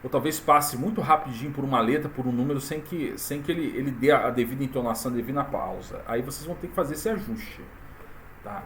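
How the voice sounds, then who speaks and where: A man walking viewers through a software tutorial in a casual, chatty way, full of fillers and tag questions. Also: mid-range voice, fast, slight background noise. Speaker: tutorial presenter. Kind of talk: casual screen-recorded tutorial.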